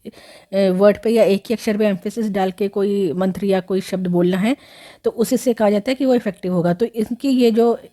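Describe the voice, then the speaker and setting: Woman teaching a history lesson, warm soft tone, lots of uh and restarts, switches in english words. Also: medium pitch, fairly even intonation, normal speed. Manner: explains step by step with many fillers and restarts; mixes English words into her talk. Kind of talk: explaining lecture.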